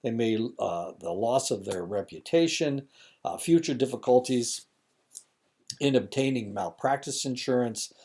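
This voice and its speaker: A man's voice: medium pitch, expressive, measured pace, darkish tone. A man giving a recorded lecture, reading points aloud with casual asides and fillers, his throat a little dry.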